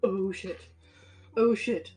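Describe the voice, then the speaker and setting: A woman taking part as a player, casually narrating what her character does and cursing freely. Her pitch is medium, and faint music plays behind her. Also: steady tone, slow pace, dark tone. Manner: casual, swearing, describing her actions.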